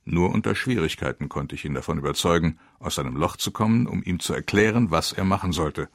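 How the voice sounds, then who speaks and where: Deep gravelly man reading a war memoir. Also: brisk, no room sound, studio quality. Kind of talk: scripted first-person narration.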